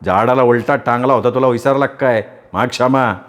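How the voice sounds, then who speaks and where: A man voicing a tough, loyal village henchman who speaks roughly and scolds. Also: mid-range voice, steady tone, a little fast, fairly bright tone, close to an everyday voice. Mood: angry.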